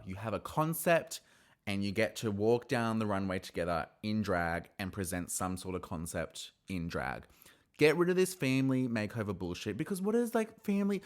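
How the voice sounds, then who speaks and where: A man hosting a podcast on his own, giving an opinionated, ranting review that gets heated and breaks into mocking high-voiced impressions. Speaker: podcast host reviewing a reality show. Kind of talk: casual solo review.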